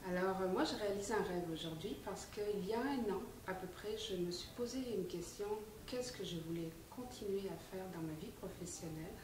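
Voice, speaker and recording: A woman's voice: medium pitch, brisk, few pauses. A woman in her forties, from France, answering interview questions in an earnest, composed way. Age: 40s. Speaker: volunteer manager. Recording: echoey room, far from mic, faint noise.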